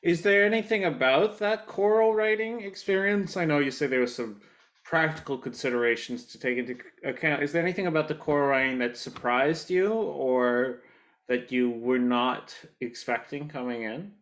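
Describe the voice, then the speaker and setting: A man's voice: fairly high pitch, moderate pace, fairly bright tone. A man interviewing a guest, asking questions hesitantly, with many "uh"s and "um"s. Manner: hesitant, filled with "uh" and "um".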